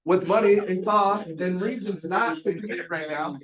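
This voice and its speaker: A man whose voice sits high and sounds fairly bright coaches a group on real estate sales at a moderate pace. He is blunt and emphatic, repeating phrases for emphasis, in an echoey room.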